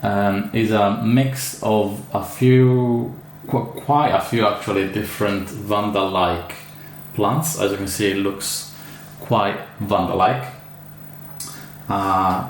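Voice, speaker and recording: A man with an Italian accent, an orchid grower chatting casually through an unboxing, hesitant with many fillers and restarts. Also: lowish voice. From Italy. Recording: echoey room with faint ambient noise.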